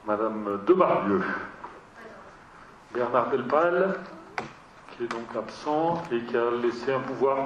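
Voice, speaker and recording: A man's voice: medium pitch, expressive, slow pace, pauses often. A man chairing a town council meeting, talking hesitantly with many fillers and restarts. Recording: echoey room, mic far off, dull sound, faint noise.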